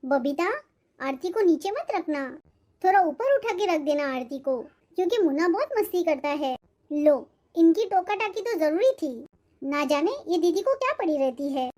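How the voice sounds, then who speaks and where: A woman's voice: very high voice, lively intonation, normal speed, dark tone. A woman voicing an emotional young mother in a Hindi cartoon, pleading and talking with feeling. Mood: grumbling.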